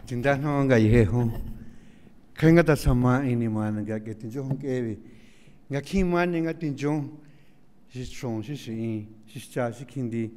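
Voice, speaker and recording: The director of a national institute, whose first language is Mazatec, gives an earnest, formal opening speech in an auditorium, piling up lists and using many fillers. His medium-pitched voice is warm and slow, and the lecture hall adds a long reverb.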